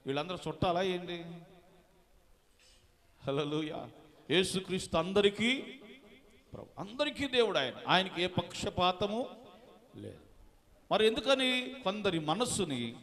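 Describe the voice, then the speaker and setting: A man's voice: high voice, fairly bright tone. A man preaching a sermon as a pastor, calling on the congregation to answer and mixing in English words. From India. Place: church hall. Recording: long hall reverb.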